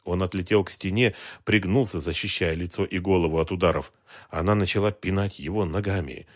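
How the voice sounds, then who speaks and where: Low-voiced man narrating expressively. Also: a little fast, dry recording, clean studio sound. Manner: expressive dramatic reading. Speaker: audiobook narrator. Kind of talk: scripted narration.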